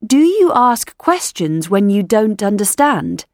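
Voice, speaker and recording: A woman reading scripted questions for a language lesson recording, enunciating each one clearly. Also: medium pitch, very animated, slow, no echo, clean studio sound. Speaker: language textbook audio narrator.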